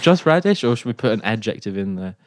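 A man's voice: fairly low pitch, sing-song, fast, no echo, clean studio sound. A man co-hosting a podcast, rambling playfully and giggling in casual chat. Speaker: podcast co-host. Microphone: headphones and studio mic.

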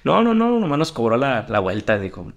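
A man's voice: mid-range voice, huge pitch swings, fairly quick, vocal fry, dull audio. A man hosting a casual podcast chat, teasing and rambling with restarts. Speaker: podcast host.

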